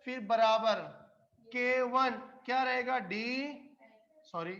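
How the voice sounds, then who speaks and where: A man's voice: very high voice, takes it slowly, pushed and bright, highs cut off. A man teaching chemistry to a live classroom, coaxing and often checking whether the students follow. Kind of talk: classroom lecture.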